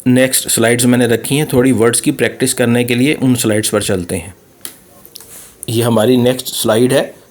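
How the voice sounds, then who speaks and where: A man teaches pronunciation over slides, slowly repeating sounds for practice. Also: mid-range voice, steady tone. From Pakistan. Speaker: language teacher. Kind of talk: slide-based pronunciation lesson.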